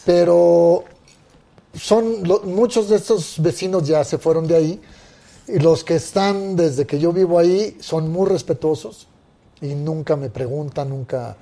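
Mexican man telling lively anecdotes. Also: a little high, a little slow, creaky. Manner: lively storyteller who acts out the quoted speech of others. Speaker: guest. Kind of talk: casual interview anecdotes.

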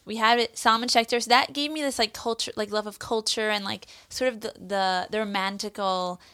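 A woman in her thirties telling her story in a casual chat, peppered with "like" and quick asides. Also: medium pitch, steady tone, sharp tone, smooth, dry recording, studio quality. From United States. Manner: chatty, lots of "like" fillers, quick storytelling. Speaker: guest.

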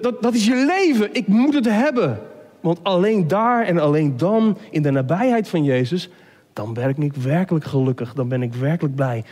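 A man preaching a sermon with passion, swinging between urgent pleading and hushed, near-whispered lines, often repeating words as he restarts. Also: high voice, long reverb tail.

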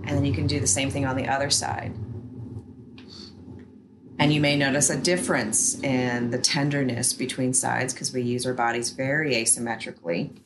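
A woman giving guided relaxation instruction in a gentle, soothing, unhurried way, as a bodywork practitioner. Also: extremely low pitch, steady tone, noisy background.

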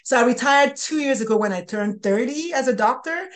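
A woman's voice: fairly high pitch, lively intonation, a little fast. A woman in her sixties, a pediatrician and life coach, talking as an interview guest with many restarts and fillers. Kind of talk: interview conversation.

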